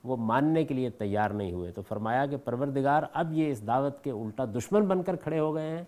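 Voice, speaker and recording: A man giving a scholarly commentary on scripture in a measured, formal way, slowing to recite each verse before he explains it. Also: mid-range voice, a little mellow. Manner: slows to chant the verses in Arabic, then explains them in Urdu. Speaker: Quran commentator.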